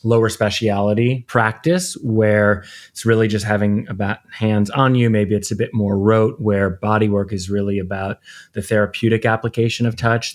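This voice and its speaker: Guy hosting a podcast, kinda low voice, jokey and chatty. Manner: playful, talkative, jokes and laughs. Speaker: podcast host. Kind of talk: casual interview.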